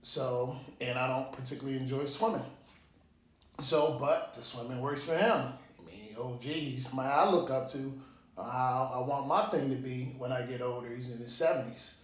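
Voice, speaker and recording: A man's voice: mid-range voice, moderate pace. A man talks casually and informally in a motivational monologue, like a fitness vlogger, with the occasional swear word. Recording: echoey room.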